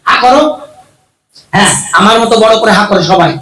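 Brief: high-voiced male puppeteer, joking patter, echoey and distant with music. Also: bright, forceful tone. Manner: cheeky, rapid-fire joking. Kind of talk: live puppet show comedy patter.

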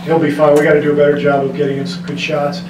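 A middle-aged man, a basketball coach, speaking at a press table in a measured, frank way with frequent restarts. His voice sits a touch high for a man and stays narrow in its range. It's caught from a distance in an echoey room with steady background noise. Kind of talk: post-game press conference answers. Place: press room in front of a team backdrop. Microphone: desk mic on a stand, recorded from the room.

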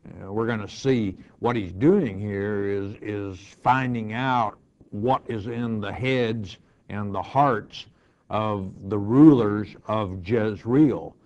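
A man's voice: lowish voice, slow, darkish tone, muffled recording. A male pastor teaching verse by verse, reading scripture aloud and then explaining it in plain words.

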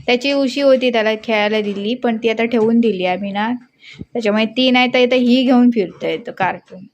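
A pet vlogger with a Marathi accent speaks briskly to camera at home, chatting casually about her dog and cat. Now and then she scolds and coaxes them in a higher, playful voice. The sound is lo-fi.

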